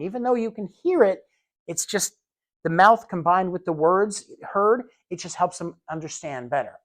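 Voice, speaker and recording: Guy teaching a caregiver class, super casual and chatty, lots of "you know"s. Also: fairly high pitch. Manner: casual, conversational teaching with many fillers and asides; demonstrates slow exaggerated enunciation. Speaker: caregiver training instructor. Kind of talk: recorded classroom lecture.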